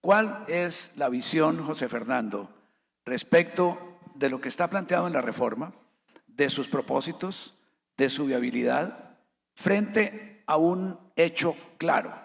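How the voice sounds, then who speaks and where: A man moderating a formal panel, measured and structured, laying out points in order. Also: on the high side, lively intonation, vocal fry, big-room sound. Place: conference hall.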